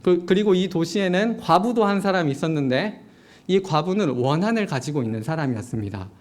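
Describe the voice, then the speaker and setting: A man with a high voice delivers a sermon to his congregation at an evening church service. He preaches as a storyteller, speaking straight to the listeners and putting rhetorical questions to them. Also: lively intonation, a little fast. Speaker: junior pastor.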